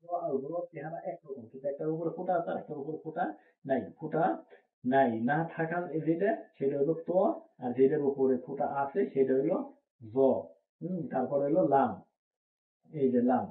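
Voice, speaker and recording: In a slightly high voice, a male teacher leads a patient letter drill for Quran reading, saying each letter name slowly and repeating the pairs. He pauses to ask checking questions, and the recording has a thin, phone-like quality with a hollow echo.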